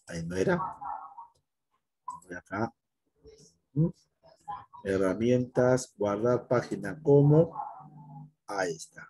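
A man's voice: on the low side, warm tone, slightly rough. A middle-aged male computer teacher, recording a lesson and talking straight to a student, sometimes acting out the student's fears. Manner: talks straight to one student, acts out pupils' fears.

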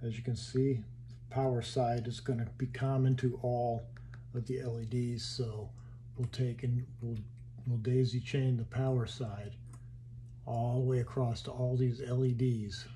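In his home workshop, a man casually talks through a hobby wiring build, pausing and thinking aloud as he handles parts. His mid-range voice is dark and fairly flat in pitch, with slight background noise.

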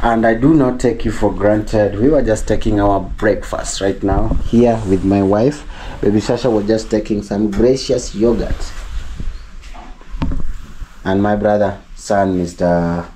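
This Kenyan-accented vlogger speaks slowly in a fairly low voice with fairly even intonation. Amid a little background noise, he chats informally, repeats himself, and offers heartfelt thanks to his donors.

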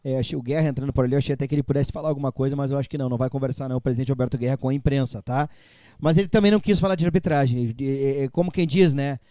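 A man's voice: mid-range voice, very fast, dark tone, no echo. A man hosting a live fan broadcast after a football match, chatty and opinionated. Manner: chatty, opinionated, tag questions. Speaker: fan channel host.

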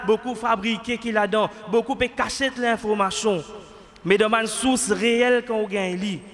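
Standing close to a mic in a mosque prayer hall, a Mauritian Creole-accented imam in his thirties preaches the Friday sermon. His high, slightly bright voice trails off into a long reverb. Passionate rhetorical questions give way at points to recitation in Arabic.

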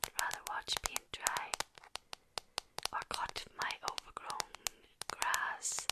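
A woman in her thirties whispering affectionate, chatty ASMR to viewers in a breathy voice, very close to the mic. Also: slow. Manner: affectionate, chatty, uses endearments. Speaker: ASMR livestream host. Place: indoor living room. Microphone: large desktop condenser mic, very close.

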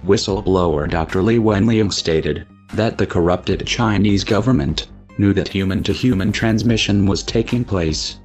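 Anonymous male narrator, disguised deep voice-changer sound, very low, grave scripted read, faint music behind. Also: moderate pace, a little mellow, highs cut off.

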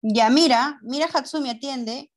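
A woman's voice: high-pitched, unhurried. A woman teaching young pupils, patiently going over each step and checking with questions. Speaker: primary school teacher.

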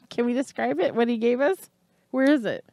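A woman's voice: on the high side, expressive, gravelly, a little mellow. A woman co-hosting a podcast in casual chat, laughing often. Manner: giggly, quick to laugh. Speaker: podcast co-host.

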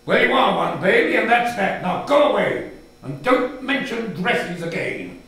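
A man's voice: high voice, lively intonation, a little slow, a bit bright, exaggerated voice. Older man as a stern, emphatic father, echoey. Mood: stern, dismissive. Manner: emphatic, dismissive. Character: stern, gruff father rebuking his child. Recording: echoey hall from far off, some noise.

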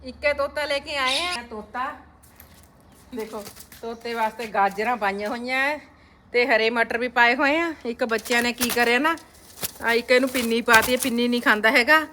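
Chatting to her viewers, a woman narrates a relaxed home vlog from a family house with a courtyard. Her voice is a little high and her pace moderate, with a noisy background.

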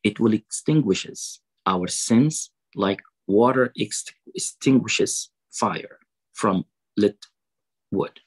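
Husky-voiced man preaching over a video call. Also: fairly low pitch, poor audio. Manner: quotes Arabic sayings, then translates and explains them slowly. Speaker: preacher at a fundraiser. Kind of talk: online fundraising sermon.

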